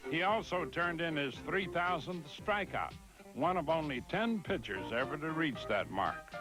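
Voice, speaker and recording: A man reading the scripted narration of a baseball feature with a measured, punchy delivery. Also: on the high side, expressive, music in the background, poor audio.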